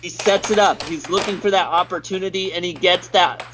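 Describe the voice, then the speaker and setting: A man's voice: sits high, fairly quick, background noise. An American man doing live play-by-play commentary on a stream, reading viewer chat aloud between plays in an upbeat way.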